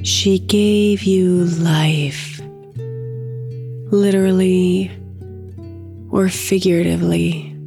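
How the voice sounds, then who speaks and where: Casting: female meditation host, low-pitched and very unhurried, soft soothing delivery. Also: little pitch movement, vocal fry, music in the background. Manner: soft, soothing, with long pauses. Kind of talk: guided meditation narration.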